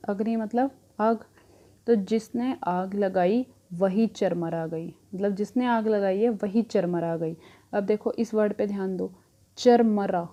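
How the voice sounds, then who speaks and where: A young woman with a mellow, medium voice covers current affairs by asking a question and then answering it herself, repeating it. Rhyming memory tricks are part of her teaching.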